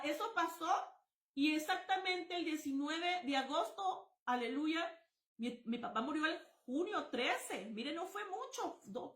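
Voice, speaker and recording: A woman's voice: high-pitched, a bit bright, echoey room. A woman giving a spontaneous testimony sermon, exclamatory and repetitive, often calling her listeners brothers. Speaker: preacher sharing testimony.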